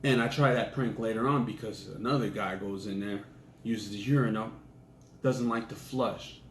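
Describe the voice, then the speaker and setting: A man's voice: fairly low pitch, normal speed. A young man casually telling a crude personal anecdote in a laid-back, profane way. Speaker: storyteller. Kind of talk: casual storytelling. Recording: echoey room with faint ambient noise.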